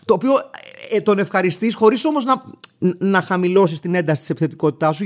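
A man in his thirties from Greece hosts his show with a casual, storytelling monologue. His voice sits a little high for a man. He is wry and animated, and he acts out the lines of the people in his stories. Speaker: radio show host.

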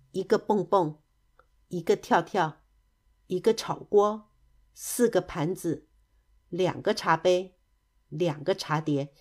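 A woman narrating a children's story in a lively, expressive storytelling manner. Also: mid-range voice.

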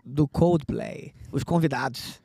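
A man's voice: medium pitch, takes it slowly, gravelly, warm tone, breathy edge, dry recording. A man co-hosting a podcast in a studio, bantering and joking in casual chat. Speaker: podcast co-host.

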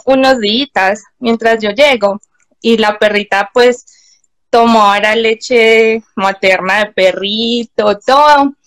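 Lively woman telling a story. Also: fairly high pitch, no room sound. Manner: animated, acts out voices of others in anecdotes. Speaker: guest. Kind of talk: casual storytelling. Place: home.

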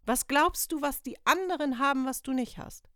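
A woman's voice: high-pitched, moderate pace, pushed and bright, dry recording, studio quality. A woman hosting a motivational podcast, talking earnestly in a coaching manner and asking her listener many rhetorical questions. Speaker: podcast host, self-employed team leader. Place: lives in northern Germany.

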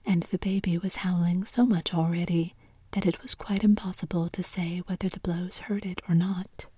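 Soft whispering woman reading a storybook. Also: on the low side, breathy edge, no room sound. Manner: slow, even and gentle.

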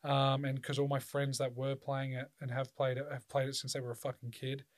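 A man's voice: medium pitch, monotone, fairly quick, no room sound, studio quality. An Australian man hosting a casual chat, rambling loosely and swearing freely.

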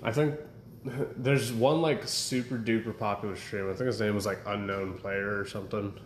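A man's voice: lowish voice, steady tone, moderate pace. A young man chatting casually as a podcast co-host, rambling through stories and laughing often. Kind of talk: casual chat. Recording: echoey room with faint ambient noise.

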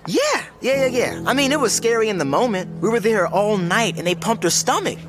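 An actor voicing an awkward young man in an animated series, telling a story in a hesitant, rambling way, with a musical score behind him. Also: sits high, fairly quick, music in the background. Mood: nervous. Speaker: young man recalling a bad high school night. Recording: clip with score playing behind.

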